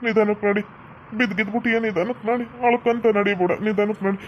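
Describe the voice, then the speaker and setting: A young village husband in a cartoon, voiced by a woman, coaxing gently in a North Karnataka accent. His voice stays flat and even. It sounds muffled, with a faint hiss underneath. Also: medium pitch, quick pace, lightly acted. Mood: soothing. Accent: North Karnataka Kannada. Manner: soothing, coaxing.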